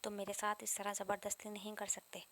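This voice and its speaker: A woman reading a sharp-tongued young woman. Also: medium pitch, monotone, slight background noise, lightly acted. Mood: indignant. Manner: curt and scornful.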